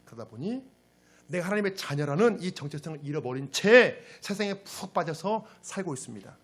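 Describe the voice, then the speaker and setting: A man's voice: on the high side, very animated, brisk, fairly bright tone. A man preaching a Sunday sermon as pastor. He speaks to the congregation directly and swings into dramatic, emphatic rhetorical questions. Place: church service.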